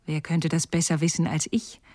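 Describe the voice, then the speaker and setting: A woman voicing an old, homesick reindeer in a storybook, speaking slowly and half-whispered. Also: low-pitched, completely flat delivery, warm tone, no room sound, studio quality. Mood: proud. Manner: slow, drawn-out, half-whispered.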